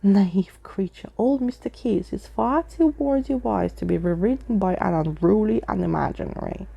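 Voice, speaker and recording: A pompous old skeleton from a children's storybook, played by a woman. He speaks in grand, wordy flourishes with a theatrical air. The voice is mellow and gravelly at the edges. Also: mid-range voice, moderate pace. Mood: indignant, boastful. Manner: grandiose, alliterative, theatrical speech.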